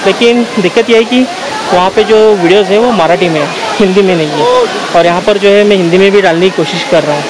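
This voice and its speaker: A travel vlogger walks a forested trail beside a stream and waterfall, casually narrating and pointing things out to viewers without hurrying. His voice sits high, and the handheld camera at arm's length picks up a noisy outdoor scene full of rushing water.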